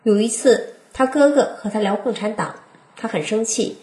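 A young woman reading her first-person testimony aloud in a steady, earnest manner. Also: mid-range voice, moderate pace. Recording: roomy echoey room.

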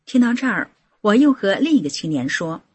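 A woman reading a personal account aloud in an earnest, measured scripted narration. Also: mid-range voice, very animated, a little mellow, slightly rough, no echo. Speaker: article reader.

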